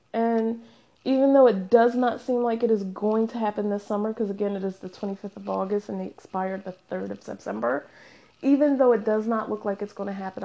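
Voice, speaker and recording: A woman's voice: mid-range voice, vocal fry, dark tone, lo-fi sound. A woman in her thirties chatting casually as a vlogger, rambling and self-mocking and often breaking into laughter. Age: 30s. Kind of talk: casual chat.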